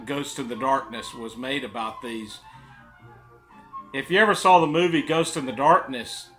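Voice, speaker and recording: Bright-voiced man storytelling with pipe in mouth. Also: medium pitch. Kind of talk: casual storytelling monologue to camera. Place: living room, indoors.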